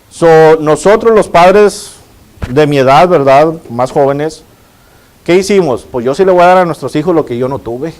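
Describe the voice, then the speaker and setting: A middle-aged pastor delivers a sermon in a fairly high voice. He keeps calling on his listeners as brothers and keeps asking them questions. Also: darkish tone. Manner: addresses the congregation as brothers and asks rhetorical questions.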